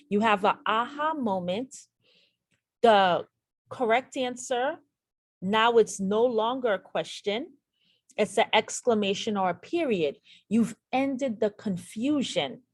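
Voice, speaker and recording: A woman with a mid-range voice, recorded dry, teaches a nursing exam lesson via screen share. She talks directly to her viewers and repeats key points to stress them.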